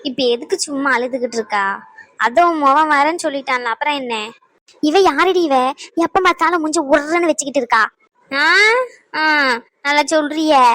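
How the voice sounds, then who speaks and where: A woman's voice: high-pitched, moderate pace, a bit bright, no echo. A woman playing a nagging cartoon grandmother. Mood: irritated. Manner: nagging, scolding, sarcastic. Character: scolding sharp-tongued old grandmother. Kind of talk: cartoon voice acting.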